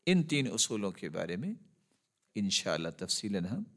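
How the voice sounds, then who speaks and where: A man giving a religious lesson, reciting Arabic passages quickly and then explaining them slowly. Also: fairly low pitch, very animated, fairly bright tone. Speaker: religious teacher.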